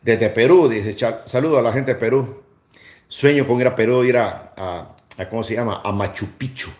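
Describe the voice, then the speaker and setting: This middle-aged livestream host has a Salvadoran accent and a mid-range voice at a moderate pace. He chats and comments casually, repeating phrases to stress them, from a small room that gives the audio a roomy echo.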